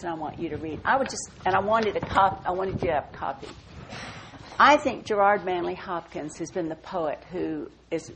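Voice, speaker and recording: An older woman giving a reflective talk in a folksy manner, slowing to a measured recitation when she reads poetry. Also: lowish voice, noisy background.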